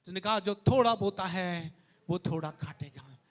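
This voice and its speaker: High-voiced Indian pastor preaching slowly. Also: male voice. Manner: swings between hushed asides and loud exhortations; calls out to the congregation, repeating phrases. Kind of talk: sermon. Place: church hall.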